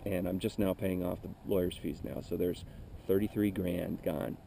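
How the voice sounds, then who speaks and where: A man's voice: low voice, flat delivery, moderate pace, vocal fry, mellow, a little hiss or hum. A middle-aged man on a motorcycle trip, talking candidly and wearily to his camera outdoors by a rural road, often stopping to correct himself. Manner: candid, weary, circling back to correct himself. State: emotionally worn out. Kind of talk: rambling roadside monologue to camera. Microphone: camera mic.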